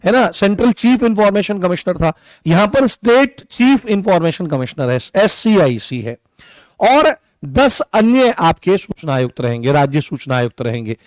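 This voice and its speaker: Coughing and hoarse, a man with a high-sitting voice teaches an online exam-prep class on his own mic, often turning key points into questions for students. There's no room sound.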